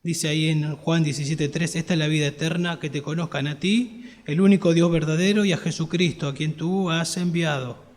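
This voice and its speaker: High-voiced Argentine pastor preaching. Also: male voice, steady tone, normal speed. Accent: Argentine Spanish. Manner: earnest preaching, swelling to emphatic peaks. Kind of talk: sermon. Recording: long reverb of a church hall.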